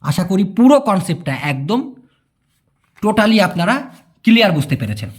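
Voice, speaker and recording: Male tutor, Bengali native, high voice, lively intonation, patient and repetitive explainer. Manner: explains patiently, repeats words slowly. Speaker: language teacher. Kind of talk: informal language lesson.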